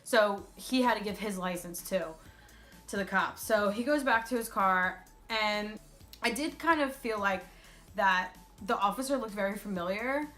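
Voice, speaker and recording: Bright-voiced young woman telling a casual storytime. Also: mid-range voice, unhurried, faint music behind. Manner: animated retelling with quoted dialogue. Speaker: vlogger.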